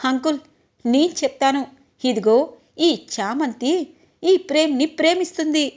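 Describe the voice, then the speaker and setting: A woman's voice: high-pitched, a little mellow, natural voice. A woman narrator voicing a scheming young fiancée who accuses a rival insistently.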